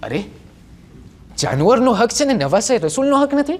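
A teenage boy preaching a sermon to a gathering, his voice swooping up and down as he tells the story. He asks his listeners question after question in an animated, storytelling manner. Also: very high-pitched, normal speed, a little hiss or hum. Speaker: majlis preacher.

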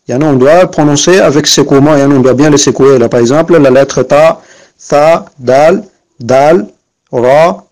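A man's voice: fairly high pitch, a little mellow, rough recording. A man giving a spoken lesson, explaining patiently with frequent fillers and restarts, and repeating examples several times. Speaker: Arabic reading teacher.

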